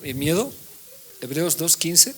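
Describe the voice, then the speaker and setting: Speaking slowly in a fairly high voice over a little hiss or hum, a man pastors a Bible class through an animated sermon. He reads passages of scripture aloud and questions his listeners, then answers for them.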